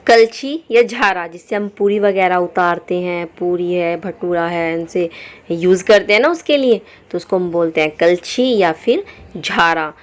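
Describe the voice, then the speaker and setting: Hindi-speaking woman teaching English vocabulary. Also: on the low side. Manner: slow, repeats each word twice. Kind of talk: vocabulary lesson.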